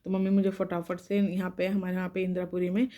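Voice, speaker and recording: A woman's voice: fairly low pitch, monotone, quick pace, warm tone. A young woman tells a rambling personal story to camera, her tongue and lips sore so she talks carefully around the pain. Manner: rambling, restarting sentences, talking carefully around mouth pain. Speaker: vlogger.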